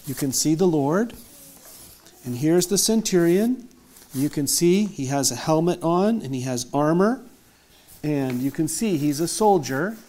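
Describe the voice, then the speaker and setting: A mellow, warm-toned voice reads scripture slowly and deliberately, drawing out the quoted lines. The speaker then explains the story in plain words and asks a young listener simple questions. The pitch sits in a middle register. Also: animated. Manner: slow, careful reading that stretches quoted speech. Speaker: Bible teacher for a child. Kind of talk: Bible reading and children's lesson.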